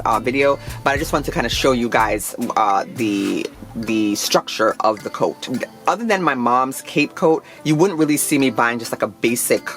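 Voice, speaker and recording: A woman in her thirties talks in a loose, chatty way, gushing with enthusiasm. She is a fashion vlogger speaking casually to her viewers, with soft music playing faintly behind her. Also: very deep voice. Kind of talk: casual chat.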